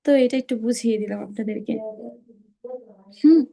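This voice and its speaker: A woman's voice: a little high, moderate pace, gravelly, mellow. A woman teaching Quran recitation in an online class. She explains patiently and keeps checking that her students understand.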